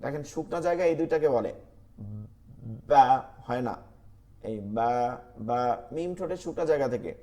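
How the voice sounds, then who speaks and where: A man teaching an online Quran class, patiently repeating letter sounds slowly for students to copy. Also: a little high, lively intonation, dark tone.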